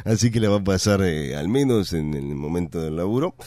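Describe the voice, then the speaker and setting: A man's voice: sits low, animated, brisk, mellow, no room sound. A man with an Argentine Rioplatense accent hosting a radio show, chatting casually and joking with his producer. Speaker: radio host. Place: radio studio.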